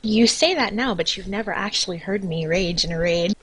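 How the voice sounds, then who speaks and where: A woman's voice: medium pitch, brisk, low-quality recording. A woman guesting on a casual gaming podcast. Her voice is soothing and her delivery is dry and self-deprecating.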